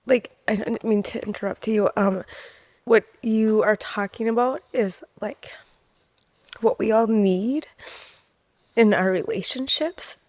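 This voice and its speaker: Emotional woman host, halting speech. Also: medium pitch, darkish tone, no echo. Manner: halting, many "um"s. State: emotional, near tears. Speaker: podcast co-host. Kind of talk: podcast interview.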